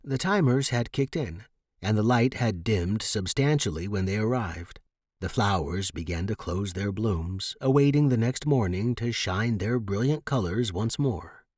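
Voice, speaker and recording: A man narrating a short story in a measured voice, doing all the figures himself. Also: lowish voice, animated, darkish tone, no echo, studio quality. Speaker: audiobook narrator. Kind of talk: scripted narration.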